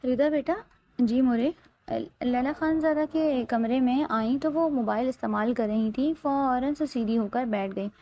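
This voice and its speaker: A woman narrating a romantic novel in a steady, scripted storytelling reading. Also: high voice, few pauses.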